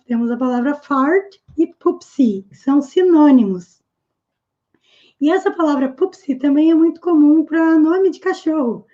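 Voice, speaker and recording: Woman English teacher, high and mellow, slow and patient delivery, dull lo-fi sound. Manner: patient, repeats English phrases slowly and clearly. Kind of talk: explaining an English lesson.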